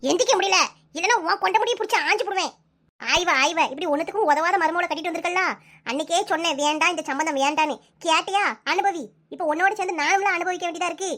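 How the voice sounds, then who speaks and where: A woman voicing a bedridden, sharp-tongued old mother-in-law in a comic cartoon, nagging and scolding in a Kanyakumari Tamil accent. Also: very high voice, quick pace.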